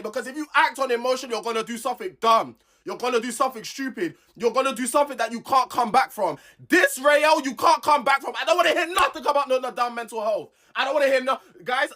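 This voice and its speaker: Bright-voiced woman ranting angrily. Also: a little high. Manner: heated, swearing, repeats herself. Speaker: commentator. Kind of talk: angry commentary rant.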